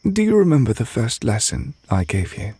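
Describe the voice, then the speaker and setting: In a romantic ASMR roleplay, a man plays a tender, reserved witch teacher confessing his love to his partner, speaking softly, hesitantly and with gentle measure, close to the mic as crickets chirp behind him. His medium-pitched voice has a breathy edge and big pitch swings, the mood is wistful and tender, and there's no room sound.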